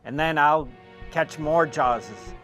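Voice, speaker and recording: An actor playing a gruff shark hunter, reading his lines flatly in his own plain voice and stumbling over them. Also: fairly high pitch, faint music behind. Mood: halting. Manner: flat, halting line reading in his plain voice. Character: gruff middle-aged male shark hunter, flat and halting. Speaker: performer doing a movie scene reenactment.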